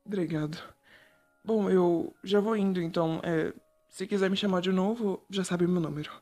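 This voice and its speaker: A man voicing a shy, sweet young male photographer in a whispered role-play, talking softly and bashfully to the listener. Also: sits high, steady tone, moderate pace, faint music behind, close to an everyday voice. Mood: gentle. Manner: soft, gentle and bashful, addressing the listener.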